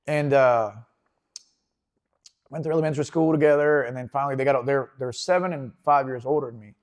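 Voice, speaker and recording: Man in his forties, from venezuela, jiu-jitsu instructor, relaxed rambling storyteller, lots of fillers. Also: mid-range voice, fairly quick. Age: 40s. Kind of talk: casual interview.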